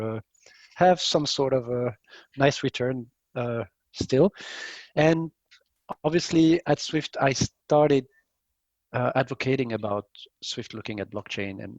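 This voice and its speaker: Picture a middle-aged man with a lowish voice, giving interview answers slowly and carefully, stopping often to pick his words. The sound is dry and close, with no room ring around it. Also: no room sound, low-quality recording. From Belgium. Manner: measured, pausing often to find words. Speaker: guest, company CEO.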